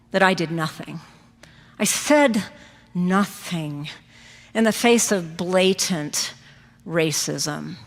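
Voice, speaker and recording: Bright-voiced woman preaching in church. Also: on the low side. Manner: personal storytelling, conversational. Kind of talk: sermon. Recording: long church reverb.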